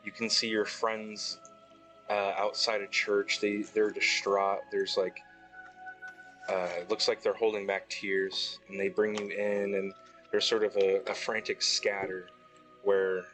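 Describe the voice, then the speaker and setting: A man narrating as game master of a tabletop game, describing scenes slowly with fillers, music playing behind. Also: on the low side, completely flat delivery, a bit bright, poor audio. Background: background music.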